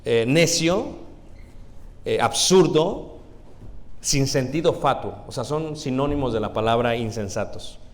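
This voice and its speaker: A man's voice: mid-range voice, unhurried. A male preacher gives a folksy, conversational sermon, calling the congregation brothers and asking them questions. His mid-range voice rings out with a long reverb from the church hall. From Mexico. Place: church sanctuary.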